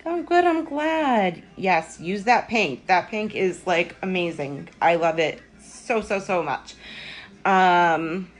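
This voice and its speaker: A woman's voice: fairly low pitch, takes it slowly. A young woman hosting a live makeup tutorial from home, rambling and self-deprecating as she chats with viewers. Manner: rambling, self-deprecating, lots of ums and likes.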